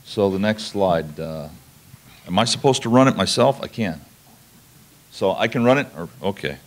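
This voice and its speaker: A man's voice: lowish voice, animated, normal speed. A man from New Mexico, giving a conference presentation in an informal, folksy, explanatory way. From New Mexico, United States. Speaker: conference speaker, national laboratory researcher.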